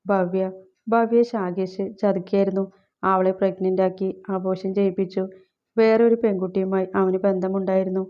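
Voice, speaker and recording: A woman voicing a caring young wife, gentle but distressed, on a slightly dull recording. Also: medium pitch, level tone, normal speed, lightly acted. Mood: upset.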